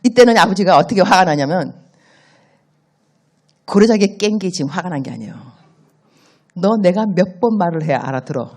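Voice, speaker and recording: A woman's voice: fairly low pitch, moderate pace, pauses often. A woman missionary preaching a sermon in a church, telling stories and acting out the dialogue. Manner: animated storytelling, acts out dialogue.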